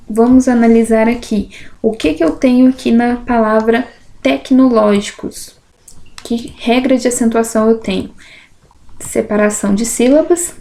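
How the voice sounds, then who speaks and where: A woman teacher with a somewhat high but mellow, dark-toned voice. She goes through exam questions step by step. She breaks words into syllables and keeps checking in with the listener. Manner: syllable-by-syllable explanation, uses diminutives and "né".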